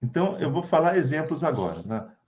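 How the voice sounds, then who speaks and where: A Brazilian man gives an informal spiritual talk to a group over a video call, his voice fairly high and full of rises and falls. His tone is mellow and warm, and he keeps checking in with his listeners as he talks. The call audio is dull and lo-fi. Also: sing-song, brisk. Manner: chatty, keeps checking in with tag questions. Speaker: spiritist study group speaker.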